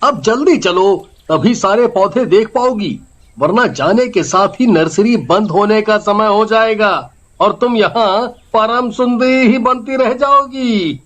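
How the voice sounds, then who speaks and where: A man voicing a teasing, easygoing young husband in an animated horror story. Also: high-pitched. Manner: teasing, laid-back, drawn-out.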